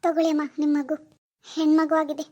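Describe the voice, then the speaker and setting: A woman voicing a gentle village doctor who speaks calmly and apologetically. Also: high voice, lightly acted. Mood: apologetic. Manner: calm, apologetic, measured.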